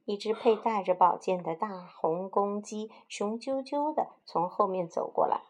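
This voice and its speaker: A woman reading a children's picture-book story aloud in a lively, expressive way. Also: mid-range voice, normal speed, a little hiss or hum.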